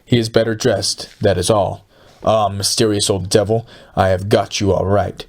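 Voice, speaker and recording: A man reads out a low-voiced scheming schemer in a storybook, talking fast and sinister as he gloats over his plot. The voice sits on the low side and sounds excited and conspiratorial. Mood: excited, insistent. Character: scheming, gloating poor middle-aged man plotting a crime.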